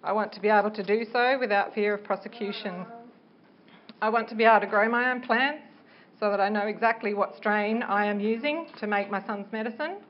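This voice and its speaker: A middle-aged woman speaks as a parent campaigner, delivering a prepared public speech in a brisk, mid-range voice. She sounds earnest and careful, like a reluctant speaker. The live recording is dull and noisy.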